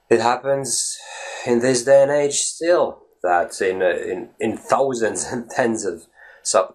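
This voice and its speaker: With a lower voice, this man from Latvia, a native Latvian speaker, hosts a casual solo vlog. He speaks emphatically, talking straight to his viewers and frequently tossing in "right?"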